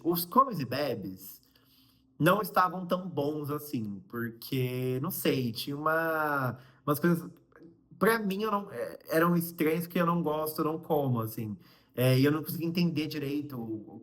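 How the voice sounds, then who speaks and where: A man's voice: mid-range voice, a bit bright. A young man from Brazil with a Brazilian Portuguese accent, chatting casually to his viewers in a vlog, full of fillers and asides. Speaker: vlogger.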